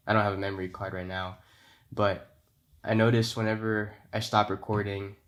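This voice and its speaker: Casting: male vlogger with a low voice affected by illness, chatting informally through a product review. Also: a bit bright. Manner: informal, conversational. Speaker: camera reviewer. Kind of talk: casual product review to camera.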